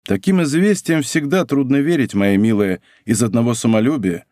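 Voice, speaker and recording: A man's voice: mid-range voice, darkish tone, no echo, clean studio sound, close to an everyday voice. A man reading an audiobook voices a proud, hot-tempered young male nobleman. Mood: proud, wry. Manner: proud, quick to flare up.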